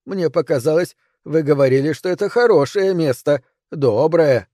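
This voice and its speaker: Man doing a jittery, shaken companion, slow and hushed, mellow voice. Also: on the high side, no room sound, studio quality, natural voice. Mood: uneasy. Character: nervous shaken male climbing companion. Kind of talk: audiobook reading.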